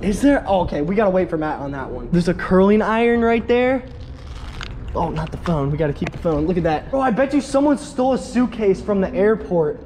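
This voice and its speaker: An excitable young adult man hosts an outdoor vlog next to a busy road and bridge, laughing readily in his very high voice. He records on an action camera, either chest-mounted or held at arm's length, and traffic noise comes through clearly.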